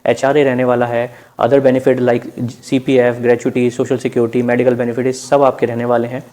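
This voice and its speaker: A man with an Indian accent presents exam preparation material in an informal explainer over on-screen slides, calling listeners friends and mixing in English terms. His mid-range, dark voice stays completely flat at a normal speed.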